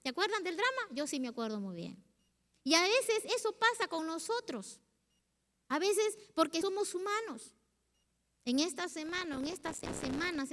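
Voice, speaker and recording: Woman pastor, middle-aged, high voice, heartfelt confessional sermon, long church reverb. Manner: emotional, confessional preaching with quoted prayers. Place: church sanctuary.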